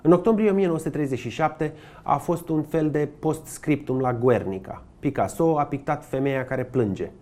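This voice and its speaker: A man's voice: on the high side, few pauses, a little mellow. Man narrating an art documentary.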